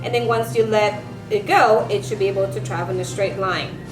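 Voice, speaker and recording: A woman giving a step-by-step craft lesson for children, speaking like a bright kids' presenter and teacher. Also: mid-range voice, steady tone, a little fast. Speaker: elementary science teacher presenting a craft tutorial. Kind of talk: step-by-step instructional demonstration for children. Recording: roomy echo with music behind.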